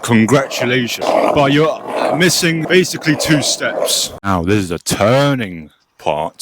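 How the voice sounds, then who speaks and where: A man giving a casual, informal step-by-step beginner tutorial as host, recorded on a cheap, low-quality microphone. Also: no room sound. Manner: informal, mildly sweary. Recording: cheap low-quality mic, noisy, clicks.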